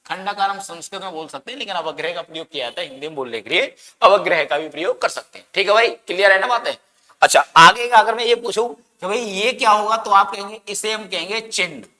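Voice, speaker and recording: Bright high-voiced man teaching a grammar lesson. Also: quick pace. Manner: asks students questions and answers them himself; dramatic, stretches words for emphasis. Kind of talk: exam-prep grammar lesson. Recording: long echoing reverb.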